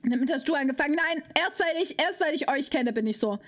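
Young woman vtuber, super high squeaky voice, bounces up and down a lot, yells no at chat. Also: expressive, quick pace. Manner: squeals in high-pitched, dramatic protest. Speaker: VTuber streamer. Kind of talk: live stream reaction chat.

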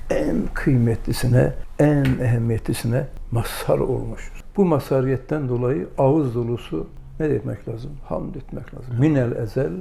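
Gravelly older man teaching religion. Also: medium pitch, mellow, a little hiss or hum. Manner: storytelling, acts out dialogue with emphatic exclamations. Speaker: religious lecturer. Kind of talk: religious lesson with anecdotes.

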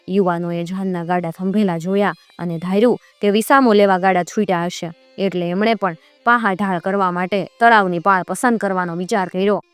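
A woman storyteller with a Kathiyawadi accent recounts a heroic folk legend. Her telling is vivid and dramatic, in a mid-range voice. The recording is dry and close, with soft music underneath. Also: medium pitch, clean tone, no room sound. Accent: Kathiyawadi Gujarati. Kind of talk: dramatic folk tale narration.

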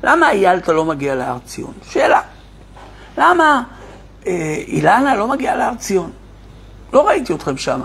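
A man, a rabbi, giving an impassioned online sermon to his viewers, firing rhetorical questions and swinging from loud cries to a near hush. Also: sits high, big pitch swings, breathy edge. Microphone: streaming to online viewers.

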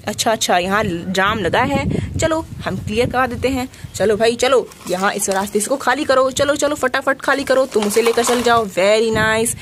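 A woman with a high voice narrates a toy play session. She is animated and bossy, and she repeats her commands over and over. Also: normal speed, hardly any pauses, background noise. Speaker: toy video host.

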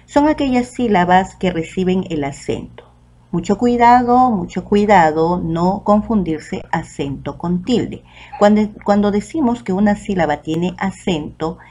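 A woman teacher with a Peruvian Spanish accent, giving a recorded online lesson to children and saying the example words out slowly and clearly. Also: on the low side, a little mellow. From Peru.

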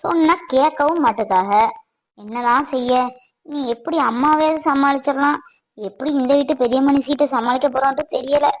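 A woman's voice: sits high, moderate pace, rough recording. A woman doing a fretful young wife. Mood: worried. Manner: fretting, thinking aloud. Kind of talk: cartoon voice acting.

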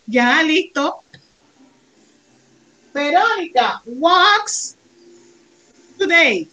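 A woman's voice: high voice, sharp tone, poor audio. A woman English teacher with a Panamanian Spanish accent, coaching students in an online class, encouraging and praising, switching between Spanish and English.

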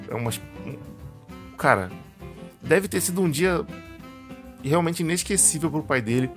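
A man, a channel host giving relaxed, chatty commentary and repeating words as he looks for them. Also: medium pitch. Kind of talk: casual spoken commentary to camera. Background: faint guitar music.

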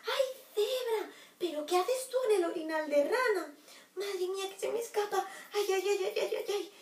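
A woman's voice: extremely high pitch, normal speed, darkish tone, voice pushed up. A woman voicing a small, anxious male puppy who urgently needs the potty, wailing in a sing-song whine. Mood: desperate. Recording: roomy echo, from far off.

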